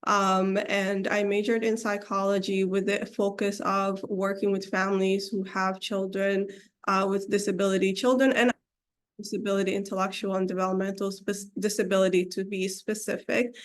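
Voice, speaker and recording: A hesitant woman with a medium-pitched voice, still getting over a cold, gives an online webinar presentation as a community presenter over a video call. She's from Seattle in the United States and her first language is Somali. She says "um" a lot and restarts partway through phrases.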